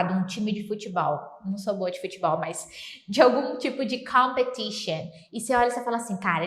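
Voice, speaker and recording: A Brazilian woman teaching English through song lyrics, slowly repeating English phrases to show their pronunciation. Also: a little high, fairly bright tone, reverberant. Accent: Brazilian Portuguese. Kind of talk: explaining song lyrics to learners.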